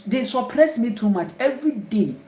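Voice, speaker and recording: Reverberant, low-quality audio carries a woman's fairly high, dark-toned voice, with lively intonation at a normal speed. Speaking with a Ghanaian accent, she rambles through a spiritual talk, repeating points and exclaiming emphatically.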